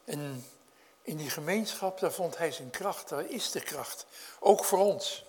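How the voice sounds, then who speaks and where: A man preaching a sermon, speaking earnestly to his congregation, lifting his voice when telling the story and dropping it low to reflect. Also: expressive, measured pace, a little mellow, slightly rough. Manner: addresses congregation directly with questions.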